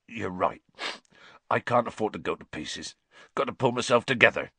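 A man voicing a huge, tearful male groundskeeper who talks in a rough dialect. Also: animated, moderate pace, pushed and bright, no room sound, exaggerated voice. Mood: gloomy. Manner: rough dialect speech, low and mournful.

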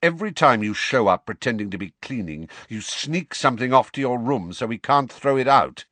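A man's voice: mid-range voice, expressive, brisk, sharp tone, no echo, pitched above the performer's own voice. A man voicing an impatient, irritable grown man who speaks curtly and with disdain. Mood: cold. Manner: curt, snapping, disdainful. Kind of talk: audiobook character voice.

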